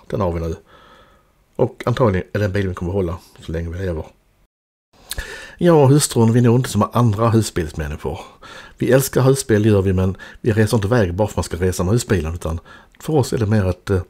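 A Swedish vlogger in his fifties narrates a voice-over about his life and travels, chatty and self-mocking. His voice is low-pitched, husky and a little mellow.

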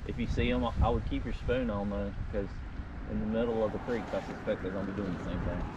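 A man's voice: on the low side, fairly even intonation, fast talker. A man fishing from a kayak, talking to himself and the fish in short casual bursts. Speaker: kayak angler filming his tournament day. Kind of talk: casual on-water commentary. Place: outdoors on a kayak on a lake. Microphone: action camera mounted on the kayak. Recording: distant camera mic, dull sound, loud wind.

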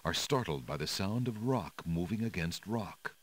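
A man narrating a fantasy adventure game as a measured, dramatic storyteller reading scripted storybook narration. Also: low voice, animated.

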